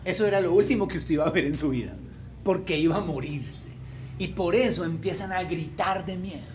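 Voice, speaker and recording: Animated joking pastor, high voice. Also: male voice, a little fast, a little hiss or hum. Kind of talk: sermon.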